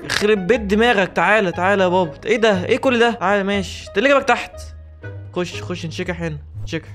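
An Egyptian Arabic-accented man narrates his own horror gameplay in a torrent of words, his voice sitting a little high. He is excitable and jokey and keeps talking back to the characters on screen, with faint music underneath. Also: very fast. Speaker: gaming video host. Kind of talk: let's play commentary.

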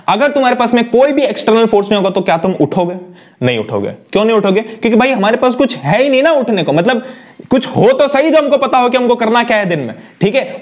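A young man giving a lively, chatty lecture, often putting questions to his students as he teaches. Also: high-pitched. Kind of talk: energetic one-shot lecture.

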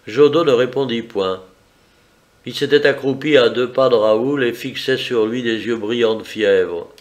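A man reading a novel aloud in a measured, unhurried way. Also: medium pitch. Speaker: audiobook reader.

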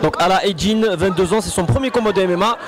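High-pitched male MMA commentator, loud crowd. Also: quick pace. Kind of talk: live sports commentary. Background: loud event crowd.

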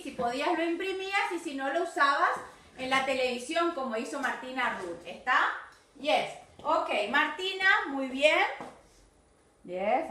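A woman English teacher corrects homework in a video class. Her high voice rises and falls widely as she spells out English words slowly. The sound comes from a distance in a room with an echo. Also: sharp tone. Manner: mixes Spanish explanations with slow English examples. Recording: echoey room, voice off-mic.

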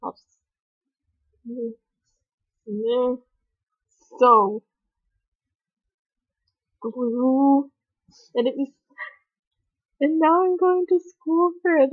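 Young woman vlogger, bubbly and rambling, slightly high voice, dull lo-fi webcam audio. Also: slow pace, long pauses, no echo. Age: young adult. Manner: bubbly, rambling, giggly with dramatic quoted asides. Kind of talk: casual chat.

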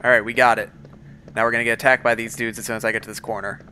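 A man's voice: mid-range voice, level tone, racing, sharp tone, a little hiss or hum. A man giving chatty live-stream commentary while playing a video game, talking to his viewers and his pet between moments of play.

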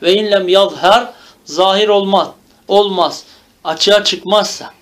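Man, high-pitched voice, grammar teacher who quizzes his students and repeats key terms. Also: steady tone, measured pace, fairly bright tone. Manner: explains by question and answer, repeating each term. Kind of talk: lecture.

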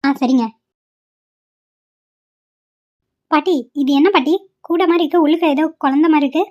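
A woman voicing a devoted young wife for a cartoon, insistent and pleading. She talks high and fast, and the recording is dull and lo-fi. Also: fairly even intonation, a little mellow, natural voice. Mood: gentle. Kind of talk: cartoon voice acting.

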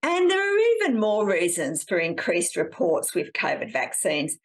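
Woman, middle-aged, science-video host; low, expressive voice, emphatic explainer, close camera in a small room. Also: measured pace. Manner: animated, emphatic, gesturing with hands. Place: small indoor room, seated on a couch.

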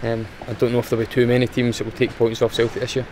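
A man's voice: medium pitch, little pitch movement, very fast, noisy background. A young man with a Scottish accent, a footballer giving a plain, matter-of-fact post-match interview outdoors with frequent fillers. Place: outdoors in front of a sponsor board.

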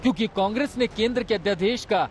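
A man's voice: sits high, slight background noise. A male television news reporter reading a formal scripted voice-over report. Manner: brisk formal news delivery.

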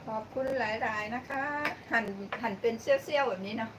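On the high side and fairly quick, this woman's delivery keeps a fairly even intonation. She hosts a cooking livestream, casually talking to viewers during the cooking, often laughing and thanking them individually by name. The audio comes from a distant mic with evident background noise.

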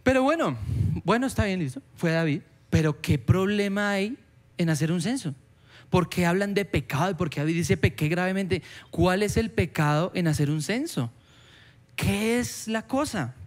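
Animated male preacher voicing quoted lines. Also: normal speed. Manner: animated, acts out quoted voices with jumps in pitch. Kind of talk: sermon. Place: church.

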